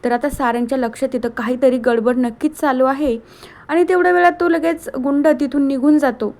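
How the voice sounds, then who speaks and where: A woman's voice: high voice, fairly even intonation, fairly quick, a little mellow. A woman narrating a casual recap of a TV serial episode, retelling the plot step by step in a chatty way. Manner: chatty, retells plot line by line with frequent connectives.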